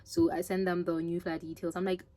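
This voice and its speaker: A woman's voice: lowish voice, brisk. Young woman from Botswana telling a story. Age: young adult. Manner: animated, acts out quoted voices. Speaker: vlogger. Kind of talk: casual storytelling.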